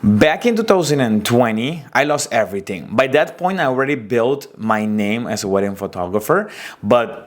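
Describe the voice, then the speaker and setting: A wedding photographer in his twenties with an Aruban accent tells his story and shares business advice in a casual talking-head episode. He's animated and expressive, his pitch swinging widely, at a moderate pace.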